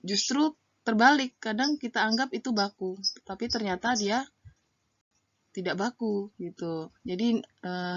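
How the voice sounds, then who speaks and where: A woman teacher explaining a lesson to her students in a patient, chatty way, often checking in with them and pausing on fillers. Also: mid-range voice, dry recording. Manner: patient, addresses students as friends, many fillers. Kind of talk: online class lesson. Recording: dull lo-fi audio.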